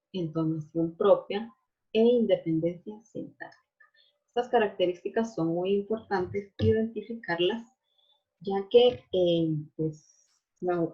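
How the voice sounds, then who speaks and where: Low-voiced woman teacher, dull audio. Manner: explanatory, frequent fillers and tag questions. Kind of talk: recorded class lecture.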